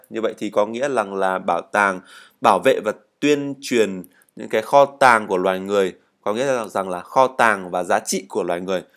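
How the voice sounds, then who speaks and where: Guy teaching english, explains stuff, makes you repeat words after him. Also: fairly low pitch. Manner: drills pronunciation, repeats words for students; explains in Vietnamese and reads English model answers. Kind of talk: spoken language lesson.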